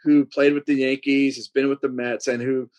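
Male panelist, mid pitch, thinks aloud with lots of uhs. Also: little pitch movement, moderate pace, darkish tone. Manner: hesitant, searches for names with fillers.

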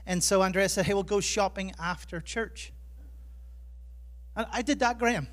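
A jet-lagged Irish pastor with a high-pitched voice preaches at normal speed. His sermon is chatty and self-deprecating, full of humorous personal stories.

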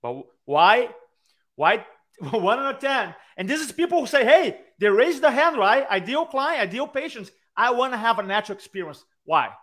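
A very high male voice with a Brazilian accent keeps a moderate pace. The man, a speaking coach, is being interviewed for a podcast over a video call from his own room, where he tells stories animatedly and performs the quotes.

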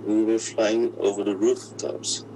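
Man, disguised voice, pitched very deep, interviewee, halting speech, humming noise behind. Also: little pitch movement. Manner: halting, often restarts words. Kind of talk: personal account in an interview.

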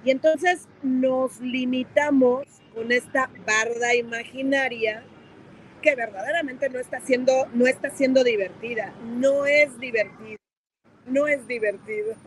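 A woman with a high voice speaks on a casual podcast panel. She is emphatic and drives her points home by repeating key words. Faint noise sits under her voice. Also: steady tone, unhurried, rough recording.

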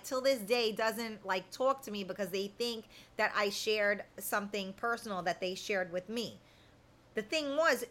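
A woman in her fifties hosts a casual live chat show, addressing viewers in a blunt, candid, colloquial manner. Her voice is mid-range and fairly bright, though the audio quality is poor.

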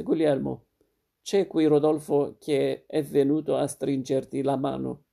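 A man narrating a literary short story in a steady, measured reading. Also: mid-range voice, vocal fry.

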